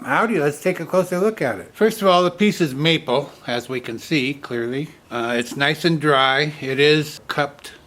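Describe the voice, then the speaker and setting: A woodturning channel host with a slightly high, fairly bright voice runs a workshop demonstration. He talks casually and plainly, in a folksy manner, explaining each step as he goes.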